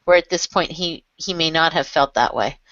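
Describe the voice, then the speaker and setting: A woman's voice: deep voice, normal speed, fairly bright tone. A woman chatting casually in a group discussion, talkative and laughing often. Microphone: video call. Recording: dull lo-fi video call audio.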